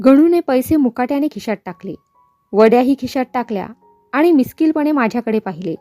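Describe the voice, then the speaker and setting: A woman narrating a novel aloud in a measured storytelling manner. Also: sits high, expressive, dark tone, dry recording, soft background music. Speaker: audiobook narrator. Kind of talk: novel reading.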